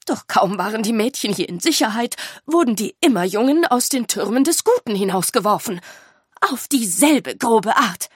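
A woman voicing a calm, grave older female teacher who explains in a measured, earnest way. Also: a little high, husky, no echo, clean studio sound.

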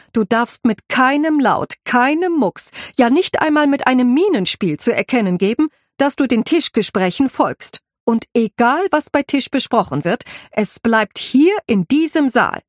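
A woman's voice: a little high, lively intonation, normal speed, no echo, clean studio sound, pitched above the performer's own voice, close to an everyday voice. Woman doing a stern, commanding head housekeeper. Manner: stern, commanding, drilling instructions. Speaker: head housekeeper instructing a maid.

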